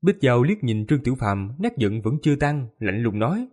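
A man narrating a fantasy novel audiobook with lively, expressive storytelling. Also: mid-range voice, fairly quick.

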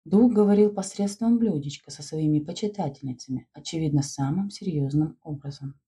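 A woman reading a story aloud in expressive storybook narration. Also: low-pitched, fairly quick, breathy edge. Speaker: audiobook narrator.

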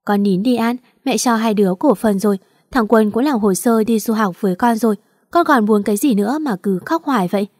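A haughty, wealthy middle-aged mother talks down in a brisk, scolding manner, as a woman narrator puts her on. The voice is mellow and dark. The recording is dry and close. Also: fairly high pitch, no room sound, natural voice. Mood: impatient.

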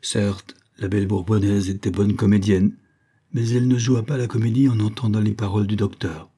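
A man's voice: fairly low pitch, steady tone, moderate pace, mellow, slightly rough. Man reading an audiobook. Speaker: narrator.

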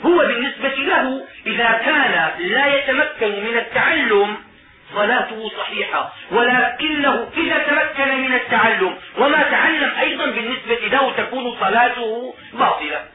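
High-voiced man teaching a religious lesson. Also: over a noisy crowd. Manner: explanatory, spells out sounds slowly and repeats examples. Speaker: lecturer on Islamic jurisprudence. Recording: roomy phone-quality recording of a distant speaker before an audience.

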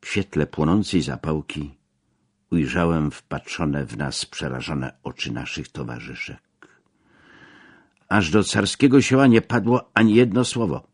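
Low husky male audiobook narrator. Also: animated, a little slow.

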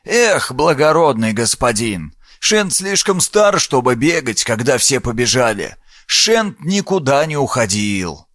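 A man voicing a frail, sly old peasant with a creaky, scratchy voice and fawning rustic speech, in an audiobook. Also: medium pitch, big pitch swings, a little slow, hardly any pauses, fairly bright tone, no room sound, studio quality. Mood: wheedling. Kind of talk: audiobook character voice.

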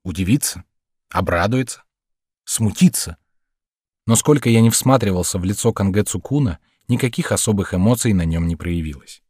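A man narrating a literary audiobook in a measured, even reading. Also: lowish voice, breathy edge, no echo, clean studio sound.

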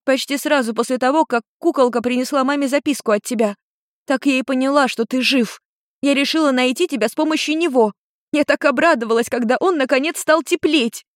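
Woman doing a teenage girl, seventeen, high voice, indignant, rapid-fire questions, audiobook, dry close recording. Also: no room sound, lightly acted. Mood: earnest. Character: feisty teenage girl searching for her father. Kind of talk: audiobook character voice.

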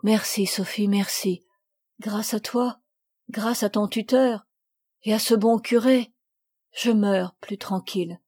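A woman voicing a dying, remorseful older woman who speaks in broken, halting phrases. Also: mid-range voice, steady tone, darkish tone, husky. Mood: faltering.

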